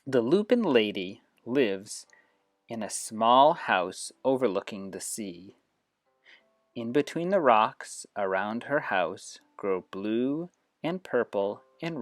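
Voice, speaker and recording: This is an instructional screen demo of reading apps, where an educator explains things casually and reads passages aloud. The voice is medium in pitch and the recording is dry.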